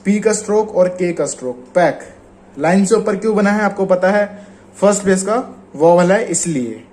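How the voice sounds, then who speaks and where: A man with an Indian Hindi accent gives a casual spoken lesson. His voice sits fairly high for a man, and he explains patiently, drawing out the example words. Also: lively intonation, normal speed, a little mellow. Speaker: shorthand teacher.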